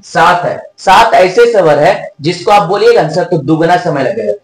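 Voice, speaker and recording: A man teaching a grammar lesson, asking questions and answering them himself, drawing out sounds slowly to show them. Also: sits high, expressive, reverberant, rough recording. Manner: slow, drawn-out demonstration of sounds.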